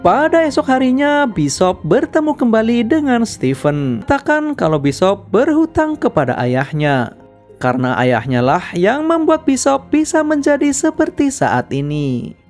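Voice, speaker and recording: A woman giving scripted narration that retells a film's plot in a steady storytelling manner. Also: fairly high pitch, a little slow. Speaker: film recap narrator. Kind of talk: scripted film recap narration. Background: background music.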